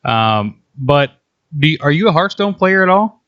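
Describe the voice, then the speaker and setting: A man hosts a relaxed gaming podcast in a bright, slightly tense voice. He talks loosely, restarting sentences and dropping in fillers as he goes. The recording is muffled and lo-fi. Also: fairly high pitch, measured pace. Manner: conversational, with filler words and restarts. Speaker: podcast host. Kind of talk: casual chat. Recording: muffled lo-fi audio.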